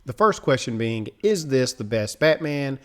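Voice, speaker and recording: A man's voice: medium pitch, sing-song, moderate pace, fairly bright tone. A man hosting a casual podcast, introducing guests in a loose, jokey way with plenty of fillers. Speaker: podcast host.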